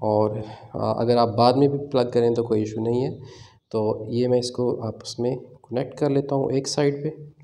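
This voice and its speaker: This tech channel host speaks with a Pakistani Urdu accent, his medium-pitched, mellow voice keeping fairly even intonation at a measured pace. He explains casually with lots of fillers, describing a hands-on tutorial as he works at a table.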